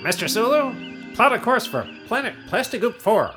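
A man's voice: extremely high pitch, big pitch swings, moderate pace, fairly bright tone, faint music behind, heavily acted. A man playing a pompous, wealthy starship captain who chuckles at his own jokes in a comedy audio sketch. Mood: smug. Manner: smug, chuckling, self-amused.

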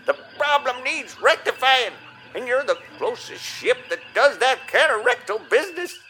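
A man playing a gruff, blustering old commodore who sounds like a grubby prospector, barking folksy orders in a comedy audio sketch. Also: very high voice, expressive, moderate pace, bright, forceful tone, soft background music, full character voice. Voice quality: gravelly, twangy old-timer bark.

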